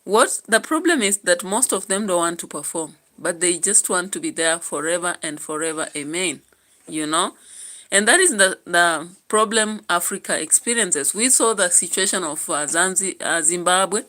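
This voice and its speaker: A young Kenyan woman talks through the news for her channel in a loose, chatty way, pausing on fillers as she thinks aloud. Her voice sits fairly low yet comes across bright and forceful. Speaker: YouTube channel host. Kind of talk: casual political commentary vlog.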